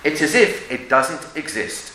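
A man's voice: fairly high pitch, very animated, unhurried. A man giving an emphatic religious lecture with stories and rhetorical questions, sprinkling in Hebrew and Yiddish terms. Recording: echoey room with background noise.

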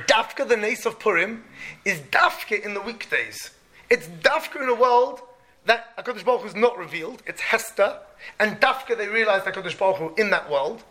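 Guy w a tinged teaching like a rabbi, high bright voice, really emphatic. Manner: emphatic, repeats key phrases, peppers speech with Hebrew and Yiddish terms. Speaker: rabbi giving a Torah lecture. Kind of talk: religious sermon, teaching with rhetorical questions.

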